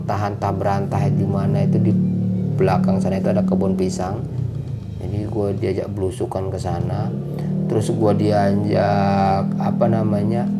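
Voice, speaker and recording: A young man telling a casual, animated story in slang, acting out the dialogue. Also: lowish voice.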